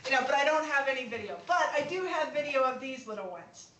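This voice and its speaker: A woman's voice: sits high, animated, fast, a bit bright, lo-fi sound. A young adult woman, a college instructor, giving a chatty, informal classroom lecture with frequent laughs and restarts. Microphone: distant room mic. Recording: echoey classroom from far off.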